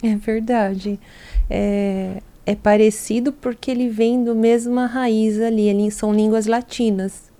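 Woman educator, higher mellow voice, patient explainer with examples, interview guest. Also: steady tone, unhurried. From Brazil. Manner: explanatory, walks through word examples. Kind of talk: interview talk.

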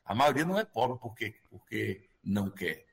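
A man's voice: fairly low pitch, animated, moderate pace, vocal fry, breathy edge. A man with a Brazilian Portuguese accent explaining things as a guest expert in an interview, often checking for agreement in a conversational way.

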